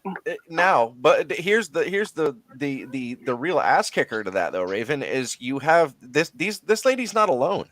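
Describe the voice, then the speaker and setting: Excitable rambling man on a call. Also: on the high side, moderate pace, no room sound. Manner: rambling, repeats words, swears. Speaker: co-host. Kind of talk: heated political chat. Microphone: call line cutting in and out.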